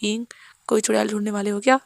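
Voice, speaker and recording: A woman voicing a calm, playful young man who teases his friend in a fan fiction story. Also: mid-range voice, fast, vocal fry, no echo, natural voice. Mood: teasing. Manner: teasing, mocking.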